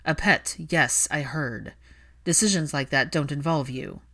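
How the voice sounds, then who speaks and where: A woman's voice: sits low, normal speed, a bit bright. A woman reading fiction aloud and voicing a cold, curt young man with a dry, terse delivery. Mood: cold anger.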